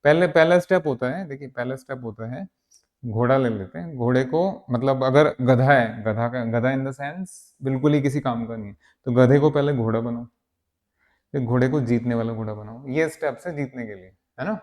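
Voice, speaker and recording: A man's voice: medium pitch, moderate pace, darkish tone. A man teaching maths for an entrance exam, coaxing his students and repeating words for emphasis, with English phrases mixed in. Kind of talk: exam-prep maths lecture.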